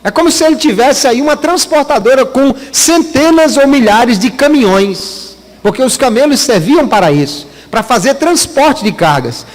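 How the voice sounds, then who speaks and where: A man's voice: very high-pitched, lively intonation, moderate pace. A man with a Brazilian Portuguese accent, a pastor preaching a teaching sermon to his congregation in a church. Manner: teaching, addresses congregation as brothers. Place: church hall. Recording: long church hall reverb.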